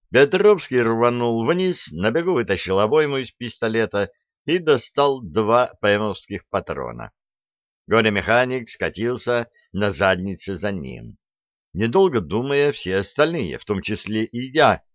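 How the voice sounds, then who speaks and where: A man reading a first-person audiobook as narrator, telling it in a lively, expressive way. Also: on the low side, measured pace, no room sound, muffled recording.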